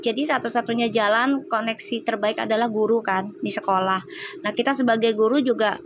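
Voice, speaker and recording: Middle-aged woman, fairly high voice, chatty tarot streamer, animated storyteller, faint hiss behind. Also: fairly quick. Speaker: tarot reader and live streamer. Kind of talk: casual live-stream chat.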